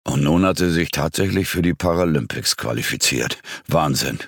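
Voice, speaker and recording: Grumpy detective boss, man reading him, deep low growly voice, dry close sound. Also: expressive, normal speed, fairly bright tone, breathy edge, no room sound, heavily acted. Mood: gruff. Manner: grumbling. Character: gruff grumbling male police chief.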